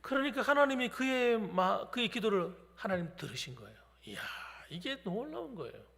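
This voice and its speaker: A man's voice: high-pitched, very animated, moderate pace, vocal fry, bright, forceful tone. A middle-aged man preaching an emphatic storytelling sermon in a church, acting out the voices of the people in the story. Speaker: pastor. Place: church sanctuary. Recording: long church reverb.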